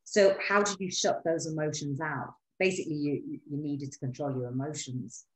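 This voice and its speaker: A woman with a notably low voice hosts an interview, asking probing, searching questions. She restarts as she finds her words. Her voice rings in a roomy, echoey space. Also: moderate pace. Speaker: interview host. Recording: roomy echo.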